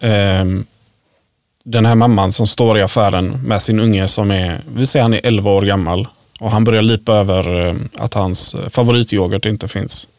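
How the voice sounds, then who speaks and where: A man hosting a casual podcast, asking probing questions with quick affirmations. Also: lowish voice, steady tone, dry recording, studio quality. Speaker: podcast host.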